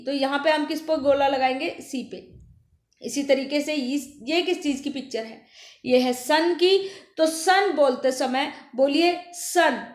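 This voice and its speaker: A woman teacher giving a primary school phonics lesson, asking questions and answering them herself, repeating words slowly. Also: sits high. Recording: echoey room.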